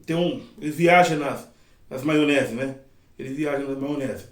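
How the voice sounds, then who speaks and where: A middle-aged man teaching a sign language interpreting class in a casual, lively way, acting out his examples. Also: mid-range voice, moderate pace. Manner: lively, acts out examples and quotes. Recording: echoey room, mic at a distance.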